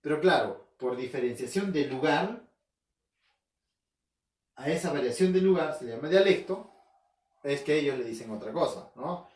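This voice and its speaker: In a recorded home-learning class, a male school language teacher from Peru speaks with an Arequipa accent at a fairly high pitch, animated and at normal speed, pausing often. He asks and answers his own questions, repeats key terms, and checks in with listeners. The room is echoey and he is far off the mic.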